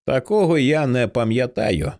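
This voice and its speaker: A man's voice: medium pitch, lively intonation, normal speed, a little mellow, natural voice. A man voicing a tired grown woman in an audiobook reading, answering in brief, dry replies. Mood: dry, subdued.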